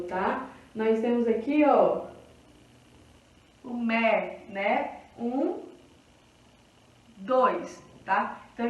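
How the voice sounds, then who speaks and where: High-voiced Brazilian woman teaching in an echoey room. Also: recorded from a distance. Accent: Brazilian Portuguese. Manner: explanatory, checking in often with the class. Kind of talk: recorded grammar lesson.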